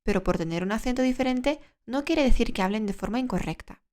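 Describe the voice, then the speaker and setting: A woman presents a podcast lesson for learners of Spanish. Her voice sits a little high, and she explains things in a clear, measured way, often turning to the listener with a question. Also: expressive, darkish tone. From Spain. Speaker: Spanish teacher and podcast host.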